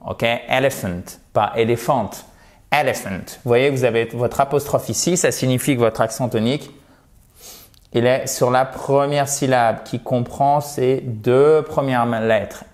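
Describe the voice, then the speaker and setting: A man teaching a beginner grammar lesson, explaining patiently and checking often that his students follow. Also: medium pitch. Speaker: English teacher.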